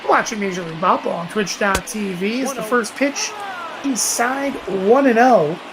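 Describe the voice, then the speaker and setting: A woman's voice: fairly high pitch, normal speed, a crowd in the background, low-quality recording. A woman doing emphatic, conversational play-by-play baseball commentary on a live stream.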